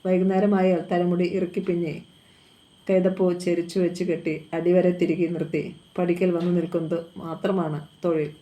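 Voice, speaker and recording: A woman reading a novel aloud at a steady, even pace. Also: on the low side, normal speed. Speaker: novel reader.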